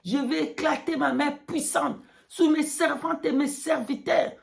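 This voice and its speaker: Female preacher as the voice of God in a religious vision: high, proclaiming, commanding, very drawn-out delivery. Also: vocal fry, exaggerated voice. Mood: solemn, commanding. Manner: slow, raised, proclaiming, drawn-out words. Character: almighty God speaking out of a rock, solemn.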